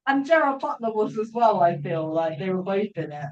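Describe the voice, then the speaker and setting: A woman's voice: mid-range voice, animated, brisk, recorded from a distance, dull audio, a little hiss or hum. A woman chatting candidly about movies in a radio studio, with the odd swear word. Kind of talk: casual chat. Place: small community radio studio.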